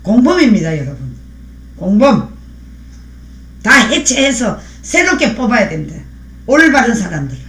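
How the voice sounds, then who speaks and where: A woman's voice: fairly high pitch, sing-song, moderate pace, long pauses, reverberant. A woman hosting a live stream, speaking in a fiery, preachy way and thanking viewers by name as she reads their comments. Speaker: livestream host.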